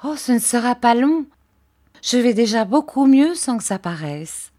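A woman voicing a frail, childlike young wife who speaks softly, eagerly and with great affection. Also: a little high, sing-song, measured pace, pitched above the performer's own voice. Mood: tender. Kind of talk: audiobook character voice.

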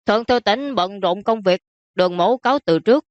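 A woman's voice: medium pitch, normal speed, no room sound, lo-fi sound, natural voice. A woman voicing a sly, courteous young official.

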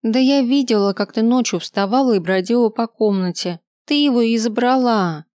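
Woman doing a stuck-up mean girl from a storybook, shrill and accusing, pitched up and loud, bursting with indignation, dry close sound. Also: normal speed, no room sound, natural voice. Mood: indignant. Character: haughty spiteful young beauty, a female student.

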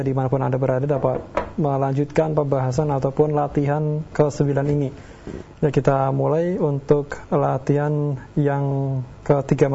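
A radio co-host with a mellow, husky voice takes listener calls in a polite and orderly way. He speaks a little high. The broadcast sound is dull and lo-fi. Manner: polite, orderly call handling. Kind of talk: radio moderation.

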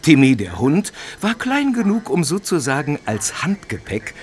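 A man's voice: fairly high pitch, wildly swooping pitch, moderate pace, breathy edge. A man narrating a scripted children's adventure audio drama.

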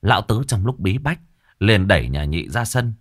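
A man narrating a comic ghost story in an animated, colloquial, earthy way. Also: on the low side, moderate pace.

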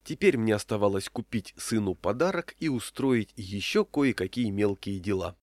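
A man reading a humorous story aloud with wry, deadpan narration. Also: on the low side, normal speed, no echo. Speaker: reader.

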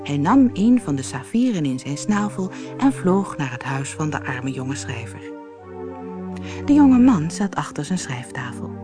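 Low-voiced woman reading a fairy tale. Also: sing-song, unhurried. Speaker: narrator. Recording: faint music behind the voice.

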